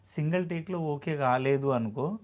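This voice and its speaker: A man's voice: a little high, normal speed, a little mellow, highs cut off. A man with a Telangana Telugu accent, an actor guest telling his story in an earnest, heartfelt, plainspoken way. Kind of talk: emotional storytelling interview.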